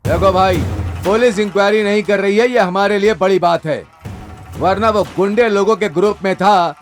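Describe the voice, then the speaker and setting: An actor dubbing a measured, cautious male gang member. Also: high voice, faint music behind, lightly acted. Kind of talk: Hindi film dub.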